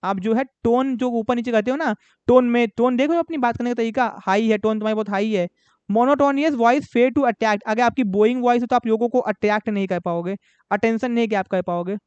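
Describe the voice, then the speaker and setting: A man teaching a lecture, reading English slowly and then explaining quickly in Hindi, keeping his voice raised and projecting. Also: extremely high pitch, a little mellow, smooth, no echo, highs cut off. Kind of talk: classroom lecture.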